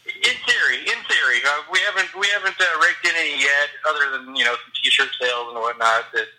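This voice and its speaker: Guy on speakerphone, super bright tinny sound, rambly easygoing chat. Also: a little high, fast. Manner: laid-back, rambling with restarts and fillers. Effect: heard through a phone on speaker. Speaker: guest calling in to a podcast. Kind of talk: casual chat. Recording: phone call played into the room.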